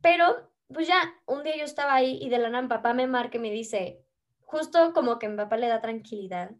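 A woman's voice: fairly high pitch, fairly quick, dull audio. Chatty Mexican woman telling stories. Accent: Mexican Spanish. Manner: chatty storytelling, acts out quoted voices. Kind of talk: casual chat.

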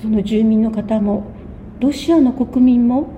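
A woman in her sixties answering interview questions in a measured, thoughtful way, often pausing mid-phrase. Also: fairly high pitch, phone-quality sound, slight background noise. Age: 60s. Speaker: guest.

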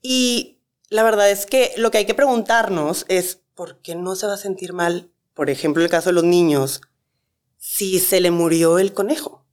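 A woman, a guest expert calmly explaining grief with examples in a talk-show conversation. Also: on the low side, moderate pace.

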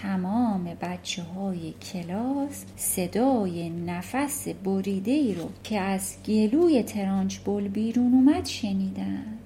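A woman narrating a children's novel aloud with a lively, expressive reading. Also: mid-range voice, hardly any pauses, a little hiss or hum. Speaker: audiobook narrator. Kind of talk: storybook narration.

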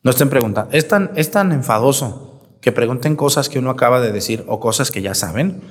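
A man's voice: mid-range voice, animated, brisk. Man, priest, colloquial teasing homily, rhetorical questions, long church reverb. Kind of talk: homily at Mass.

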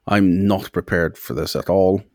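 A man's voice: sits low, fairly even intonation, measured pace, darkish tone, no echo, studio quality. A young man casually telling a personal story as a guest, rambling and hesitant with many fillers.

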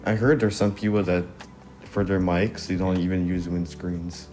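Male podcast co-host, very deep voice, laid-back and offhand. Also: fairly even intonation, moderate pace, dark tone, soft background music. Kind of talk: casual podcast chat.

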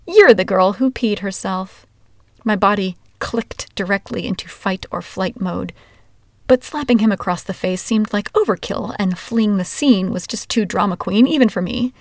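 A woman from Washington state tells her own life story with a wry, candid delivery that shifts between humor and hurt. Her pitch sits mid-range for a woman, and the recording is dry and close. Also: moderate pace, no room sound. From Washington, USA. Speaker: memoir narrator. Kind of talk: first-person storytelling.

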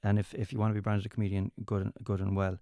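His delivery is completely flat, his low voice mellow, and the studio sound is clean with no room noise. He is an entertainer from County Mayo with a west of Ireland accent, telling casual stories in an interview while often backing up to repeat words and restart phrases.

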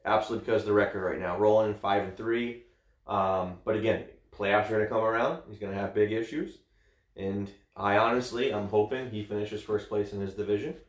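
A man's voice: on the low side, fairly even intonation, fairly quick, dull audio. Blunt, profane man in an echoey room. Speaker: podcast co-host answering questions. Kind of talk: casual chat.

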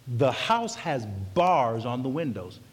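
A male pastor preaching a sermon, telling a story with passion and swinging from loud cries to hushed words. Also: mid-range voice, very animated, slow pace, breathy edge, long reverb tail.

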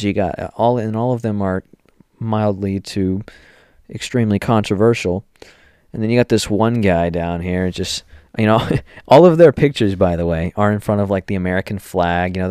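A man's voice: low-pitched, dark tone, smooth, no room sound, clean studio sound. Rambling young man hosting a podcast. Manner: rambling, joking, thinks aloud. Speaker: podcast host. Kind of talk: casual solo commentary.

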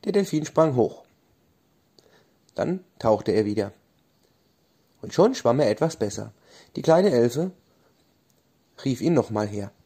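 Male bedtime storyteller, mellow tone, lively sing-song pitch. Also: slow, long pauses, husky.

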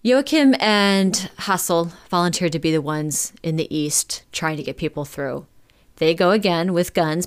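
Brief: woman storyteller, low-pitched, casual and chatty, filler-heavy delivery. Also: clean tone. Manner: chatty, lots of "like" fillers, occasional swearing. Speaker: podcast storyteller.

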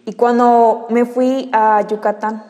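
A woman's voice: on the high side, flat delivery, slow pace, mellow, long reverb tail, dull audio. A woman with a Mexican Spanish accent, talking casually as the interviewee and recalling where she has lived, with plenty of fillers. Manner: chatty, many fillers. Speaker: interviewee, aunt. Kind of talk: casual conversation.

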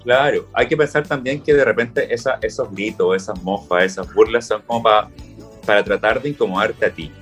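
A man's voice: on the low side, normal speed, faint music behind. A young Chilean man chatting casually, telling stories and acting out what people said. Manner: relaxed storytelling, acts out quoted lines. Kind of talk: casual chat.

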